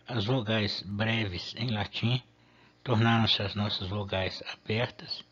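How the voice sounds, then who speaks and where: Husky man teaching a lesson. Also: fairly low pitch, a bit bright, muffled recording. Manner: measured, with restarts and fillers. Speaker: Latin teacher. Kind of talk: explanatory video lesson.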